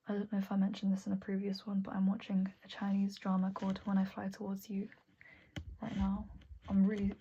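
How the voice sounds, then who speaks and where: A young woman talking candidly to camera at her desk, soft and halting, often dropping to a whisper. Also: medium pitch, creaky, dull audio, slight background noise. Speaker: vlogger. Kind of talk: candid personal talk to camera. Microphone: earbud mic.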